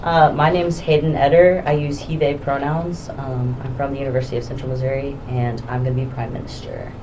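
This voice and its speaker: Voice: mid-range voice, flat delivery, brisk, highs cut off. A young student debater giving an organized, upbeat opening speech. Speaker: debater, prime minister bench. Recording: distant mic with faint room noise.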